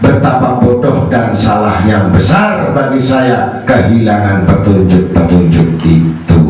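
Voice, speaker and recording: A man preaching an Islamic sermon to a women's group, asking the audience rhetorical questions in a swooping, animated delivery. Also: on the low side. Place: prayer hall. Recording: very echoey hall, voice from far off, faint hiss.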